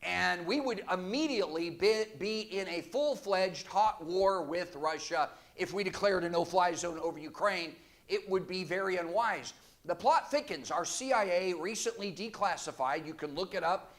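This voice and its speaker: A man preaching a sermon from the pulpit of a church, forceful, with sarcastic asides. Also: sits high, normal speed. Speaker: guest preacher.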